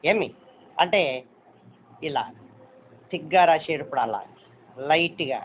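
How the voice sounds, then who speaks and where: A man's voice: a little high, lively intonation, a little slow, slight background noise. Man teaching, tinny phone-like sound. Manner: patient, repeats points and checks understanding. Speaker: shorthand teacher. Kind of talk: step-by-step classroom instruction.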